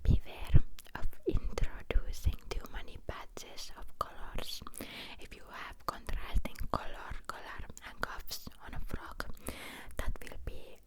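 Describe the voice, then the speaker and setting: Woman whispering very slowly, close to the ear. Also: poor audio. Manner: slow, halting delivery with stumbles over words. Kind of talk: whispered ASMR book reading. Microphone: close ear-to-ear ASMR microphone.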